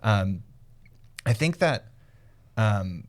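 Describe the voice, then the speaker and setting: A man's voice: lowish voice, animated, very slow. A man hosting a casual podcast, talking in an earnest, reflective way and sometimes losing his thread. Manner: earnest, reflective, loses his train of thought. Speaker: podcast host.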